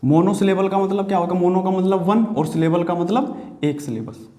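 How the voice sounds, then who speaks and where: A man with an Indian accent gives an exam-prep vocabulary lesson, repeating each word and quizzing the viewer as he writes on a board. His voice sits fairly high but mellow and dark. The room is echoey around him. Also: moderate pace. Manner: explains patiently, repeats words and asks questions to the viewer; writes on a board while talking. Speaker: vocabulary teacher.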